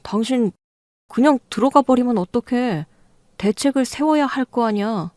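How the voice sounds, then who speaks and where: A woman's voice: on the high side, moderate pace, warm tone, dry recording, voice pushed up, natural voice. Radio-drama husband, clueless and defensive , done by a woman; dry close sound. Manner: defensive, pleading.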